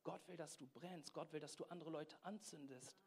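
A man preaching a sermon with passion, swinging between quiet intensity and loud exhortation, often putting questions straight to his listeners. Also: fairly high pitch, moderate pace, husky. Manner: asks the audience direct questions.

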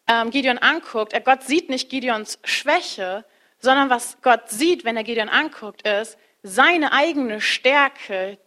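A woman's voice: fairly high pitch, fairly bright tone. Woman preacher, young adult, casual sermon delivery with direct address. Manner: conversational, direct address with fillers and rhetorical questions.

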